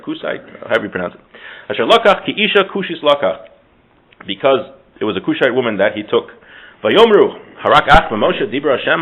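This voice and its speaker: A medium-pitched, creaky male voice leads a relaxed Torah class that invites discussion. He jokes, interrupts himself, and weaves Hebrew terms into the conversation. The recording is thin, resembling a phone line.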